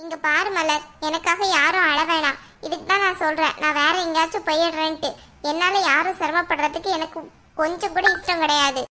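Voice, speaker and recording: A woman's voice: very high-pitched, steady tone, brisk, bright, forceful tone. A woman voicing a heartbroken, stubborn young cartoon wife who pleads to be left alone. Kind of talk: cartoon voice acting.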